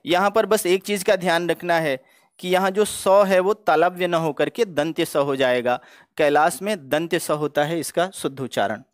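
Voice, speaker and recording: A man's voice: on the high side, moderate pace, no echo, studio quality. Methodical male Hindi spelling teacher. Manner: methodical, explains each word step by step. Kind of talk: exam-prep spelling lesson.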